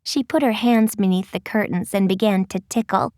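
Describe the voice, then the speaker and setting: A woman narrating a children's fantasy audiobook in a playful, expressive storytelling manner. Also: mid-range voice, moderate pace, no echo, studio quality.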